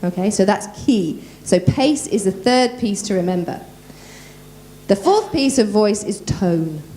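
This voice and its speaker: A woman voice coach giving a lively workshop at a conference, talking quickly and quizzing the audience. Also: medium pitch, slight background noise. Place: conference room.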